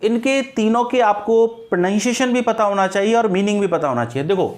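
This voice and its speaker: High-pitched male grammar teacher with a Hindi-speaking Indian English accent, middle-aged, drills points by asking and answering his own questions. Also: a little fast. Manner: repeats key points as questions and answers them. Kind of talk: exam-prep lecture.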